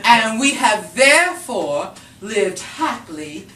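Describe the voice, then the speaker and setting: Animated woman telling a story. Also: slow pace. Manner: animated, laughing, shrill when quoting herself. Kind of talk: live comic storytelling. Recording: roomy, distant mic with noise.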